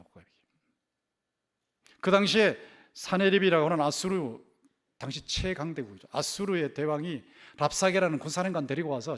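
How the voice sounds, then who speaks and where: High-voiced pastor hammering key words. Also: male voice, fairly bright tone. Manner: emphatic, repeats key words for stress; asks the congregation rhetorical questions. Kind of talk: Sunday sermon. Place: church sanctuary.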